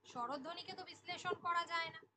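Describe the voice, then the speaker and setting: A woman teaches an online exam-prep class in a very high voice. She repeats each key definition and keeps asking the class questions. Clear background noise hisses under the whole recording. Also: fast talker. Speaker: Bengali teacher.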